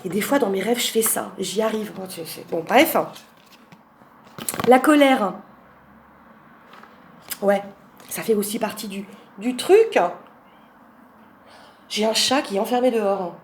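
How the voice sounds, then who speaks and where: A woman flips through tarot cards in a relaxed, talkative chat, announcing each card with a lift before drifting into rambling asides and fillers. Her voice sits in an ordinary middle pitch. A faint hiss runs under the recording. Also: measured pace, long pauses. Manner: announces card names with lifted emphasis. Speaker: tarot reader presenting a deck. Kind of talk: casual chat presenting cards.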